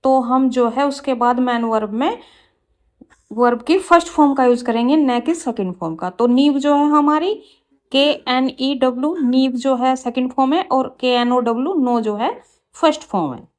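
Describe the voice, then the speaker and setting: High-voiced woman teaching English grammar. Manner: says each example sentence slowly and deliberately, then explains briskly; addresses viewers as guys and kids. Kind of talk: grammar lesson in Hindi.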